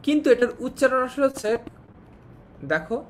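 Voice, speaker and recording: A woman's voice: lively intonation, brisk. A woman teaching an online class, explaining patiently, repeating key points and checking that students follow. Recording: faint noise and low rumble.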